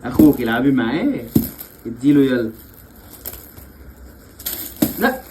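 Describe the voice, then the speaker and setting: A man's voice: medium pitch, very animated, measured pace, background noise. A young father with an Egyptian accent playfully coaxing his small children in a family vlog, laughing often. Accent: Egyptian Arabic. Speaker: father and vlogger.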